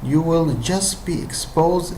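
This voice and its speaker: With a warm, fairly high-pitched voice, a man with an Israeli accent and Hebrew as his native tongue slowly shares advice on language learning. He hesitates often, using fillers and restarting sentences, and the recording has a roomy echo and slight background noise.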